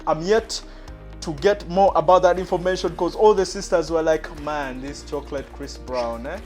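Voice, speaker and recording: A man's voice: a little high, normal speed, darkish tone, soft background music. A male talk show host introducing and teasing his guest in a hyped, playful way, laughing often. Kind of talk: lively show hosting.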